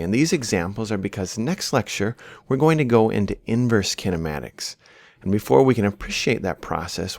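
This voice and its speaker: A gravelly, low-voiced man explains worked examples as part of an instructional university lecture. He records indoors in a small book-lined office, speaking right into a large desk microphone.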